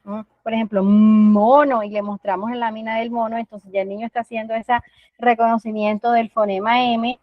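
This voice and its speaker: A woman speech therapist giving a patient, teacherly explanation of language exercises, sounding out words slowly as if for a child. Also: a little high, no echo, phone-quality sound.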